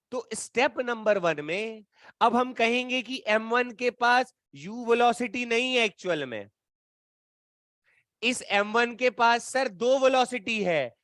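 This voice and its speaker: A man's voice: fairly high pitch, fairly bright tone, no echo, studio quality. A man teaching physics in a lecture, explaining step by step and teasing his students with playful colloquial asides. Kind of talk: classroom lecture at a whiteboard.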